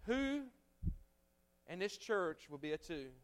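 A man preaching a revival sermon as a guest preacher, swinging from loud fervent exhortation to hushed storytelling. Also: high voice, big pitch swings, slow. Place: church sanctuary.

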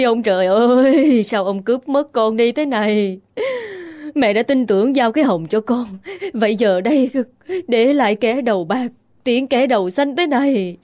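A woman's voice: fairly high pitch, darkish tone, no echo, studio quality, lightly acted. A woman doing a sobbing sick old mother. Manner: sobbing lament. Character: sick old mother sobbing over her son-in-law. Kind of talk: audio ghost story dialogue.

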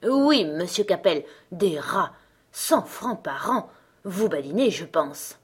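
A woman's voice: fairly low pitch, expressive, takes it slowly, breathy edge, exaggerated voice. A woman reading the part of a sly, fussy male servant in an audiobook, with mock-indignant, sputtering scorn. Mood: scornful.

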